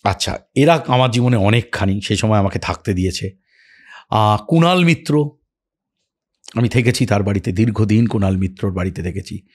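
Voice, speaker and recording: A man tells stories in a relaxed interview, reminiscing about his career. His voice sits at a middle pitch with a husky edge, and he acts out the lines he quotes. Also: moderate pace. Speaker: actor as podcast guest. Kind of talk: casual storytelling interview.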